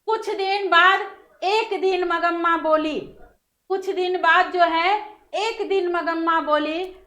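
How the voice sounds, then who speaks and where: Slow high-voiced woman teacher. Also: sharp tone, dull audio. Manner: repeats and rephrases each line to explain. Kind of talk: explaining a story lesson.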